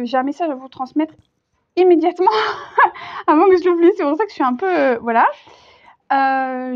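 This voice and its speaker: A woman's voice: high-pitched, darkish tone. A woman giving a casual tarot reading, chatty and hesitant, with many fillers. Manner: chatty, hesitant, full of fillers, laughs easily. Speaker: tarot reader. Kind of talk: casual spoken tarot video. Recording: dull lo-fi sound.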